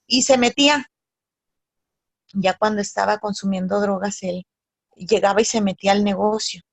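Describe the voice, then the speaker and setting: A woman telling a personal story in a talk on addiction, pausing often between phrases. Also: medium pitch, no room sound. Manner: halting storyteller with pauses. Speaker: speaker on addictions.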